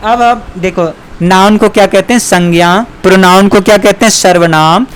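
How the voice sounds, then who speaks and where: A man teaching a grammar lesson, dictating slowly and asking the class repeated questions. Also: sits high, clear, resonant tone. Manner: slow, drawn-out dictation with repeated questions to students.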